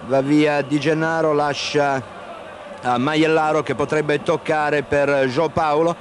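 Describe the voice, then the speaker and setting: A man giving live football play-by-play commentary on television, factual and measured, naming players in clipped phrases. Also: fairly high pitch, flat delivery. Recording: noisy old 1990 TV broadcast.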